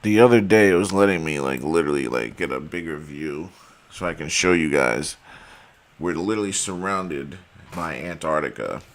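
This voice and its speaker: A video host with a bass voice talks at normal speed to his viewers, calling them guys. He's casual, emphatic and argumentative, and mentions that he's losing his voice.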